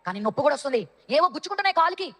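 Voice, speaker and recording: A woman's voice: high voice, sing-song, rapid-fire, a bit bright, long reverb tail. A woman Sunday school teacher telling a dramatic Bible story to children, speaking to them directly.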